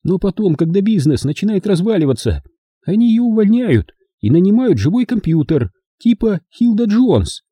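A man's voice: sits high, sing-song, normal speed, mellow, slightly rough, no room sound, studio quality, pitched above the performer's own voice, exaggerated voice. A man voicing a prim, prickly young woman secretary who speaks sharply and indignantly in an audiobook reading.

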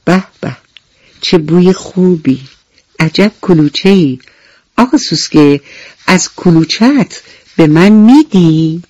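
A woman's voice: fairly low pitch, expressive, pauses often, darkish tone, no room sound, voice pushed up. A woman voicing a bee in a children's radio bedtime story, drawing out scolding words. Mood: tempted. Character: buzzing bee, sharp-tongued.

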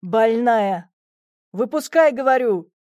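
A woman voicing an angry, gruff male prisoner, a policeman, who shouts rough insults, in an audiobook reading. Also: a little high, measured pace, dry recording, dull audio, lightly acted. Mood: angry shouting.

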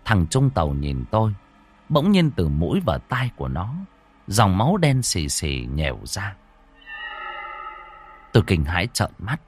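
A man narrating a first-person horror story in an expressive, dramatic way. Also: deep voice, unhurried, long pauses, faint music behind.

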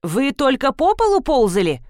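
Woman reading a chatty gossipy lady, high voice, dry sound. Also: huge pitch swings, normal speed, darkish tone, no room sound. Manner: chatty, matter-of-fact storytelling. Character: chatty woman telling a family story.

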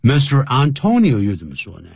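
A man's voice: medium pitch, wildly swooping pitch, a little fast, gravelly, a little mellow, husky, dry recording. A man teaching English phrases in a radio lesson, explaining each one and spelling words out letter by letter.

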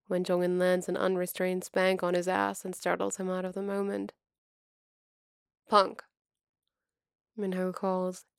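A woman reading fan fiction aloud as narrator, with steady, even storytelling. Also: medium pitch, creaky, clear, resonant tone, no room sound, clean studio sound.

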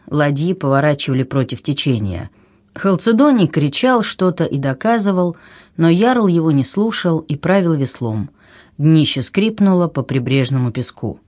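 Brief: animated audiobook narrator, expressive and lively. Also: medium pitch. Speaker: reader.

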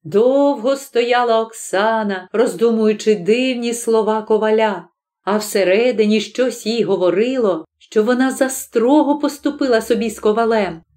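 A woman narrating a classic story in an audiobook with an expressive, lively reading. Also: fairly high pitch, moderate pace.

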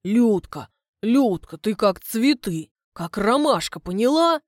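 A man's voice: high voice, sing-song, slow, no room sound, exaggerated voice. A woman reading the part of a clumsy, lovesick village man who pleads and babbles awkward compliments. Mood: pleading. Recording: dry close recording.

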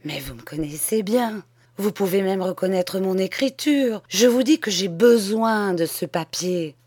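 A woman's voice: medium pitch, measured pace, a little mellow, no echo, lightly acted. A woman reading a storybook, voicing a violent-tempered village mayor who blusters and begs. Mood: insistent. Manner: blustering, then pleading and stammering. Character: middle-aged male village mayor, violent-tempered, desperate.

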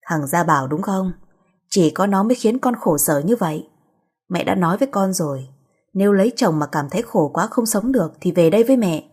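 Woman doing a tough middle-aged mom, blunt and protective, dark low voice. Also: husky. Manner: blunt, scolding.

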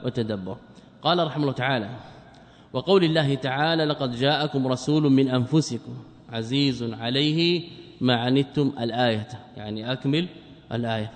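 A man teaching a religious text in a lesson, who asks rhetorical questions, answers them himself and repeats key words for emphasis. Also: mid-range voice. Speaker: Islamic scholar teaching a text. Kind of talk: classroom commentary on a religious text. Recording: long reverb of a large hall.

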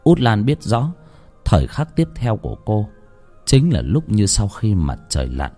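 Male horror narrator, low voice, very animated, music underneath. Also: measured pace. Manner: dramatic, emotive storytelling. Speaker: ghost story narrator. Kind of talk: scripted horror story narration.

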